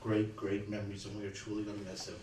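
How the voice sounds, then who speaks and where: A man speaking at a memorial in earnest, halting sentences with many restarts, remembering his late father-in-law. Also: fairly low pitch, monotone, darkish tone. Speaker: eulogy speaker, son-in-law. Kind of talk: personal remembrance speech. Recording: echoey room, distant mic, faint background hum.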